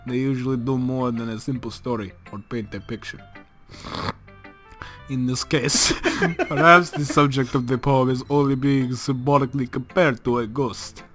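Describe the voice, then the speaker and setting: A man voicing a shy, polite bookish teen girl in a let's play, speaking softly and apologetically. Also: medium pitch, steady tone, normal speed, faint music behind, close to an everyday voice. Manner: soft and apologetic. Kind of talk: let's play character reading.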